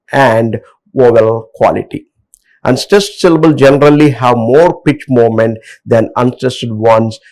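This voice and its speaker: A man's voice: mid-range voice, a little mellow, low-quality recording. A man with an Indian English accent, explaining word stress in a hesitant lecture full of fillers. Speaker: English teacher. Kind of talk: lecture with slides.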